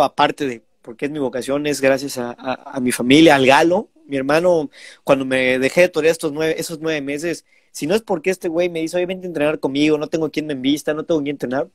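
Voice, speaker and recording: Animated young Mexican man, dry sound. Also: on the high side, no room sound. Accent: Mexican Spanish. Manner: animated storytelling, imitates parents. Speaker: bullfighter guest. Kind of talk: casual interview talk.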